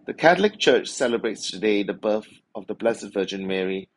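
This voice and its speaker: Low-voiced priest reading solemnly. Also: male voice, animated, low-quality recording. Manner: measured, formal, solemn delivery. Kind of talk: liturgical Gospel reading and homily.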